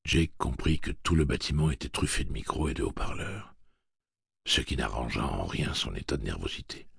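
A man narrating an audiobook with expressive, tense storytelling on a close studio mic. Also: very deep voice, moderate pace, vocal fry, husky, dry recording. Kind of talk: scripted narration.

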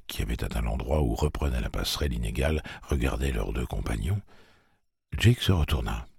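A man reading a novel aloud as an audiobook narrator, with a gravelly, husky voice and a steady, measured delivery. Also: rumbling low, dry recording, studio quality. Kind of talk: scripted narration.

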